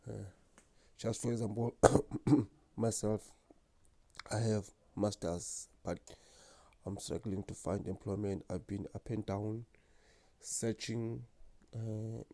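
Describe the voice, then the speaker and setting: A young South African man who stutters talks earnestly and without hurry about himself as host of his own channel, in a personal vlog to camera. His voice is lowish and dark, steady in tone, slow, and broken by frequent pauses. Repeated words and blocks mark his stutter.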